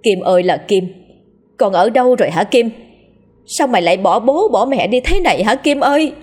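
A woman's voice: a little high, animated, moderate pace, darkish tone, husky, voice pushed up. A woman voicing a village mother bawling for her lost son. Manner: wailing, bawling.

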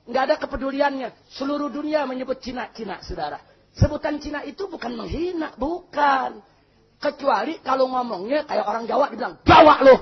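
A man preaching a fiery sermon to a congregation, shouting questions for the crowd to answer and turning calm and measured for prayers. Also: very high-pitched. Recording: muffled lo-fi recording.

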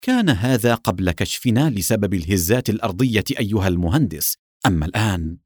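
A man reading the soft-spoken lines of a young woman on the team, in his own low voice. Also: lively intonation, fast talker, no echo, studio quality. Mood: gentle.

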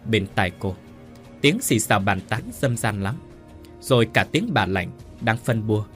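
A man narrating a dramatic family tragedy story in a grave, dramatic manner. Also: lowish voice. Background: faint music.

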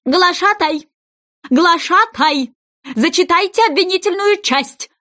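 A woman's voice: very high voice, takes it slowly, pushed and bright, pitched above the performer's own voice, exaggerated voice. A woman voicing a bossy, impatient male king who barks commands at his court. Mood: imperious. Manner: commanding, barking orders.

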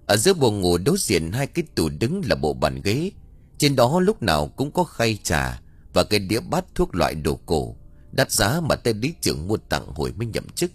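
A man narrating a ghost story audiobook with dramatic, expressive delivery. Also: lowish voice, moderate pace, slightly rough, no room sound.

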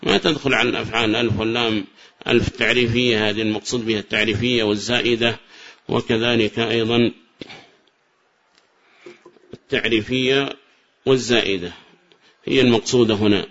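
A man teaching Arabic grammar from a classic text, asking students questions and answering them himself, slowing down to spell out examples. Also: mid-range voice, fairly even intonation. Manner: reads the text raised and loud, then explains slowly with drawn-out examples. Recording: dull lo-fi lecture recording.

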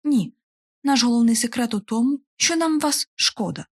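A woman voicing a battered captive witch woman who speaks in a mocking, unbroken, calmly accusing way. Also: a little high, fairly quick, natural voice. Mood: solemn.

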